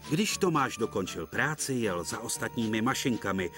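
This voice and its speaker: Animated man narrating a children's cartoon. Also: lowish voice, music in the background. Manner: gentle, expressive. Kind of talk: storybook narration for a children's TV dub.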